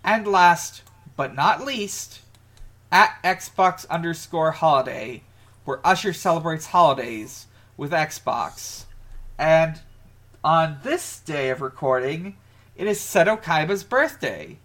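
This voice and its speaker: Bright, slow, animated co-host. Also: female voice, low voice. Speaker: podcast co-host. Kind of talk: casual chat.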